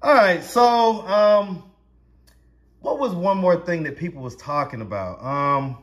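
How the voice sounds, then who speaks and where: An easygoing man of thirty-nine with a Southern US accent asks chatty questions in a street interview. He laughs often, and his voice sits high for a man. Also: lively intonation, slow. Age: 30s. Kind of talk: casual interview.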